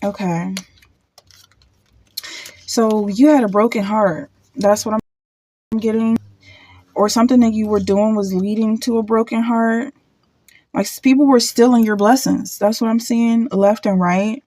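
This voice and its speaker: A woman giving a casual pick-a-card tarot reading, thinking aloud with halting restarts and repeated words. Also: a little high, fairly even intonation, mellow, dry recording.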